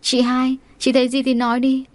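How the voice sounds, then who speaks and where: A whiny, scheming young pregnant woman pleads in a tearful, whimpering voice, as a woman reads her part in a storybook. She plays the wronged victim, her speech a little higher than plain talk. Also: fairly even intonation, brisk, no room sound, natural voice.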